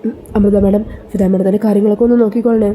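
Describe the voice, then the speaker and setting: A woman's voice: mid-range voice, flat delivery, rapid-fire, mellow, slight background noise, lightly acted. A woman voicing an earnest, respectful young woman who speaks affectionately on the phone.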